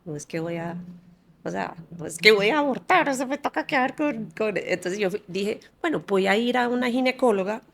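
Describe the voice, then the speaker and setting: An American woman in her forties, a native English speaker, tells her story as a podcast guest in a candid, conversational way. She's animated, laughs often and restarts phrases, speaking at normal speed in a gravelly, mid-range voice.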